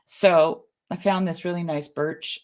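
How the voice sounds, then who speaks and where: A woman's voice: lowish voice, fairly even intonation, a little slow, a little mellow. A woman, co-hosting a podcast and telling a rambling personal story in casual chat, restarting often. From Canada. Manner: chatty storyteller with frequent restarts and laughs. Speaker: podcast co-host.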